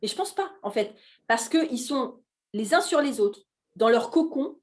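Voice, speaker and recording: A woman's voice: on the high side, measured pace. A middle-aged woman from Alsace, a guest chef chatting animatedly at a live café talk, with frequent hesitations. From Alsace, France. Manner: animated, hesitant with many fillers.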